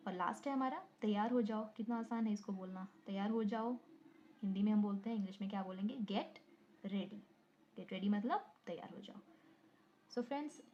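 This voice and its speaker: A woman teaches a beginner lesson in a warm, mellow voice. She asks about each phrase and then repeats the answer. The recording is dull and lo-fi, with faint room noise behind her. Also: medium pitch. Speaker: English teacher, channel host.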